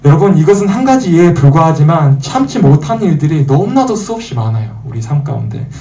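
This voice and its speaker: Korean pastor preaching in an echoey church. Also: male voice, a little high, brisk. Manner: animated, acts out quoted voices of churchgoers and mockers; asks the congregation questions and answers them himself. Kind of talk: sermon. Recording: echoey room, voice from far off the mic.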